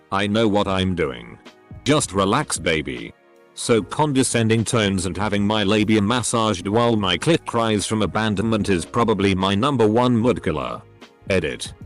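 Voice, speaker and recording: Male narrator, low voice with swooping pitch, synthetic-sounding reader of posts, faint music underneath. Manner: reads abbreviations letter by letter, odd phrasing. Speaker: narrator reading online posts. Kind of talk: flat text-to-speech reading.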